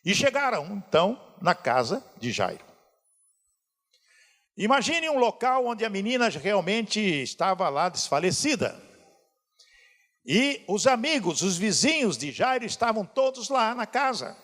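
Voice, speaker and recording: Male pastor, sermon, high voice, animated delivery, reverberant church hall. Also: a little slow. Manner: lively preaching with questions to the congregation.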